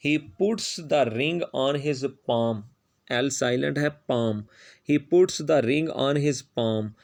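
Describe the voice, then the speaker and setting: A male teacher with a Pakistani Urdu accent, reading English lines slowly and then explaining them quickly in Urdu. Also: mid-range voice. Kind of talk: classroom reading and translation lesson.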